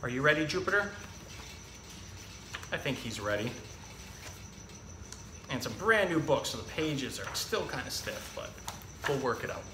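A man in his thirties with a mid-range, very animated voice works as a zookeeper hosting an animal storytime, talking and reading to kids in a casual, explanatory, educational way. He speaks at a moderate pace and pauses often. The indoor room has hard walls and a tiled floor, so the sound echoes, with faint noise in the background.

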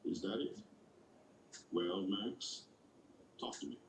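An actor playing a stern, suspicious, patronizing school principal in a video game, measured and probing. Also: male voice, sits low, expressive, roomy sound.

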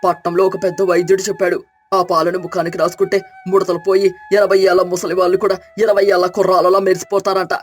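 A woman's voice: on the low side, level tone, fast, faint music behind, voice pushed down, close to an everyday voice. A woman voicing a clever, cocky young son-in-law in a village storybook tale, speaking with sly confidence. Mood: secretive.

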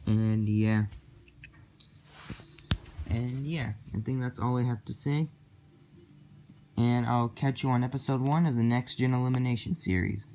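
A man making a casual announcement to viewers as host of a toy series, in a halting, repetitive way. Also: medium pitch, steady tone, dark tone, slight background noise.

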